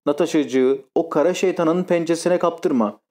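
A male audiobook reader voicing a pious, fretful elderly noblewoman with a mellow voice. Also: a little high, moderate pace, pitched above the performer's own voice, close to an everyday voice. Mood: pleading. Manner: tearful pleading.

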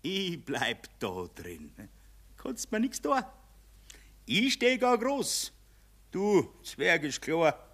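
A jeering Bavarian money spirit. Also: male voice, huge pitch swings, extremely slow, long pauses, full character voice. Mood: mocking. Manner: taunting, swings from loud jeers to low sneers. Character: gloating male spirit of money, mocking and scornful. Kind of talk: radio play acting.

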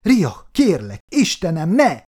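A man's voice: high voice, huge pitch swings, husky, voice pushed up, exaggerated voice. A man voicing a grieving, desperate ex-soldier. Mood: anguished. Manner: anguished pleading, raised and strained; shouting battle cries. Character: grief-stricken ex-soldier man, desperate and furious.

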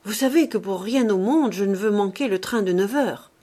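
Woman voicing an embarrassed gentleman, polite and evasive. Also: mid-range voice, normal speed, lightly acted. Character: awkward, evasive gentleman father.

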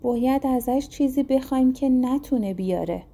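Brief: crafty old-court vizier, smooth and deferential, a woman reading it, mellow tone. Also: high-pitched. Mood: sly. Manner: sly, deferential to the king. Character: cunning flattering male vizier.

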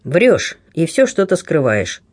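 A man's voice: fairly high pitch, wildly swooping pitch, slow pace, slightly rough, exaggerated voice. A man reading the part of a blunt, kindly aging buccaneer who grumbles and teases. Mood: gruff warmth. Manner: grumbling, teasing, plain-spoken.

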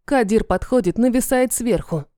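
A woman narrating a first-person fantasy audiobook in a steady, expressive reading voice. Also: on the high side, moderate pace, dry recording, studio quality.

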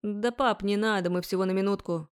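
A woman's voice: medium pitch, steady tone, fairly quick, clear, resonant tone, lightly acted. A woman reading an audiobook, voicing a cocky, pushy young man who is bossy and mockingly sweet. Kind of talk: audiobook character voice.

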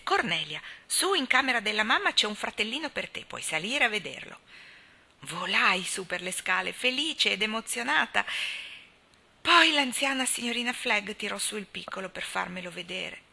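A woman's voice: mid-range voice, vocal fry, bright, forceful tone, full character voice. A woman reading the part of a talkative, gossipy older spinster in an audiobook, in an emphatic, chatty manner. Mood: amused. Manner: chatty, emphatic, sighing storyteller.

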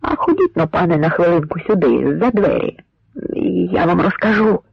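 A man's voice: high voice, lively intonation, normal speed, gravelly, husky, no room sound, exaggerated voice. A man voicing a frightened but cunning old village man who pleads and whispers with a trembling voice, on a dry, slightly muffled recording. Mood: secretive.

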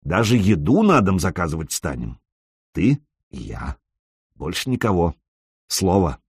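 A man reading an audiobook, voicing a self-assured young male gamer who speaks softly and reassuringly. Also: very animated, measured pace, breathy edge, no room sound, clean studio sound, full character voice. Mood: calm, reassuring. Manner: soft, low and reassuring.

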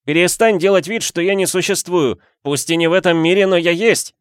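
A man's voice: mid-range voice, sing-song, moderate pace, no room sound, studio quality, pitched above the performer's own voice, lightly acted. A man voicing a curious young male ghost who presses questions eagerly in a storybook reading. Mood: insistent. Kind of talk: audiobook character voice.

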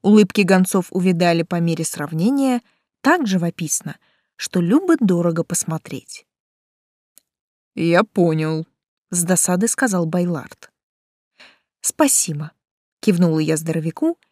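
A woman reading a first-person novel aloud in a wry, lively storytelling manner. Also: fairly low pitch, normal speed, no room sound, clean studio sound. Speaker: audiobook reader.

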